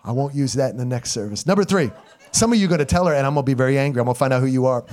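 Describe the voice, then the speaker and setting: A middle-aged male pastor preaching a sermon in church, moving from loud, emphatic exhortation to quiet, intimate asides, with informal slang. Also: medium pitch, rapid-fire. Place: church sanctuary. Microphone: live stream church mic.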